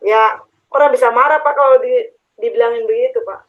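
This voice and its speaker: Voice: medium pitch, fairly even intonation, fairly quick, slight background noise. A Bible study attendee casually raising objections to the teacher. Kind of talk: casual chat. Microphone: off-mic, away from the speaker's microphone. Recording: distant and dull.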